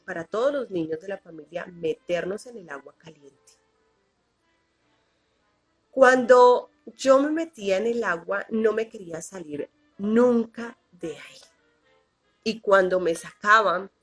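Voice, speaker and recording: Husky expressive storyteller woman. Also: on the low side. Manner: expressive, animated, drawn-out repetitions. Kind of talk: children's storytelling.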